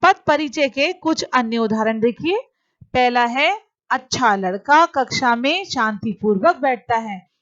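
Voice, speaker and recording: Woman teacher, higher-pitched, slow and deliberate, reading rules off a lesson; dull lo-fi sound. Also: lively intonation, fairly bright tone. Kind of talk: grammar lesson. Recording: dull lo-fi recording.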